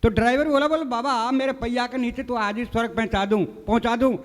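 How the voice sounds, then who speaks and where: High-voiced man telling comic tales on stage. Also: fairly even intonation, quick pace, big-room sound. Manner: storytelling with quoted dialogue, addressing the audience as sahab. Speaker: comic poet. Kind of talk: stand-up comic poetry recitation. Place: stage of a live poets' gathering.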